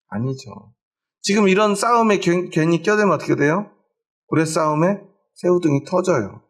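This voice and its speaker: A middle-aged male pastor preaching a sermon, asking the congregation questions and answering them himself, with homely everyday stories. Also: a little high. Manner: tells homely everyday stories to make his point. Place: church.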